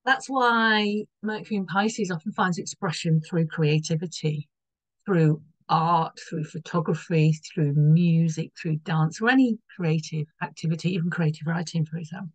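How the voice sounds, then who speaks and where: A woman with a croaky voice explaining an astrology chart, rambling a little and correcting herself as she goes. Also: sits low, normal speed, no room sound, poor audio. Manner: rambling, loses her thread and corrects herself.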